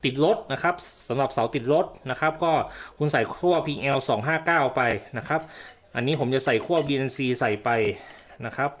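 A man's voice: medium pitch, brisk. A man giving a casual hands-on product demonstration, explaining step by step and often repeating himself with polite particles. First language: Thai.

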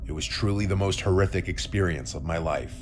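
Very deep-voiced male story narrator. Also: fairly quick, a little hiss or hum. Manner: calm, steady storytelling. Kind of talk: scripted narration.

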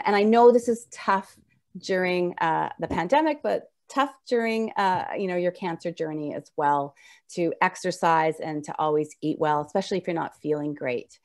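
A woman's voice: lowish voice, darkish tone. Woman presenter with slushy s sounds. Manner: slurred, slushy s sounds from wearing braces. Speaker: registered nurse presenting a health webinar. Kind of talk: informal lecture over slides. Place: indoor room, video call.

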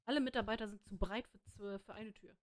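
A woman's voice: mid-range voice, fairly even intonation, fast. A woman doing playful gameplay commentary as a streamer, reacting aloud and translating dialogue, close to a desk mic. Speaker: game streamer. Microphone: desk microphone close to mouth, headset on.

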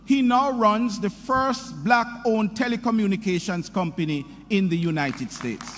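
A middle-aged man at a podium formally introducing a commencement speaker, reading a prepared script in a measured, sing-song delivery. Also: high-pitched, a bit bright, a little hiss or hum. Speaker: university president introducing the speaker. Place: large hall, speaking at a podium. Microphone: podium microphone. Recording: hall reverb with faint ambience.

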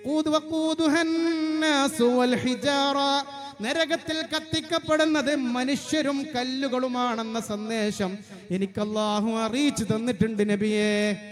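A man voicing a pious stone that weeps, with a mournful, drawn-out pleading delivery. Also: very high-pitched, steady tone, faint music behind. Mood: fearful lament. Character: pious weeping stone fearing hellfire.

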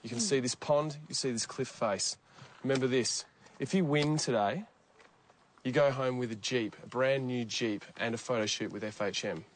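A man's voice: mid-range voice, normal speed, a little hiss or hum. An Australian man in his thirties giving direct, instructional challenge briefings to reality-show contestants outdoors. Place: outdoors beside a bush lake.

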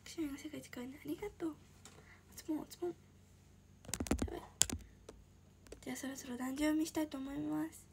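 An 18-year-old woman from Shizuoka, Japan, chatting casually on a livestream and answering viewer comments, often slipping into a soft breathy whisper. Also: high voice, fairly even intonation, fast talker, long pauses, background noise. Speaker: idol livestreamer.

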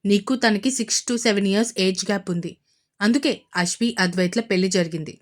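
A woman's voice: mid-range voice, moderate pace, lightly acted. A woman voicing a stern elderly grandfather in an audio story, firm and curt as he refuses his approval.

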